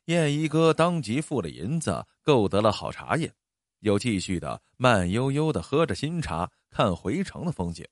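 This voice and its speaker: A man telling a traditional story in an expressive narrating voice, with dramatic rises and falls. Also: medium pitch, moderate pace, no echo, studio quality.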